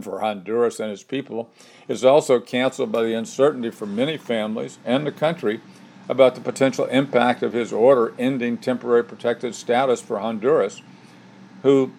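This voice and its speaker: An older man delivers a scripted commentary segment in a measured, opinionated way. His voice sits at a middle pitch, and his reading stays steady and deliberate throughout. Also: a little hiss or hum. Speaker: commentary host.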